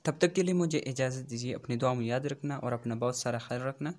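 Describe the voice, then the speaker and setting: A man teaching an English grammar lesson, repeating each example sentence slowly and often checking in with his students with an "okay". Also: medium pitch, steady tone, darkish tone. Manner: addresses students directly with frequent "okay".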